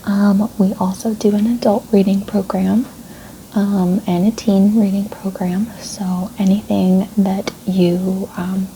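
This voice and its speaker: A woman speaking in a soft, breathy near-soft voice in an ASMR role-play as a gentle, polite and reassuring librarian. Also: medium pitch, level tone, slow pace, a little hiss or hum, low-quality recording. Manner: polite, reassuring, gentle customer-service phrasing. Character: gentle, helpful female librarian. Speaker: ASMR creator playing a librarian.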